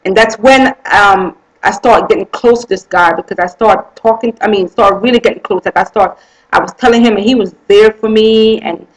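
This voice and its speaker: A woman's voice: medium pitch, moderate pace, poor audio. A woman telling her own life story as an earnest, emotional testimony, repeating phrases for emphasis and running her sentences together. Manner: speaks in loose run-on sentences with many "I mean" and "you know". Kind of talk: personal testimony, casual spoken storytelling.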